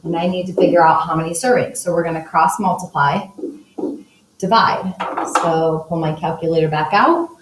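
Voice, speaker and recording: A woman's voice: lowish voice, steady tone, normal speed, a little hiss or hum. Woman teaching math in an echoey room. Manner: talks through steps while writing and using a calculator. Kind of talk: recorded math lesson. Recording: echoey room, voice a bit distant from the mic.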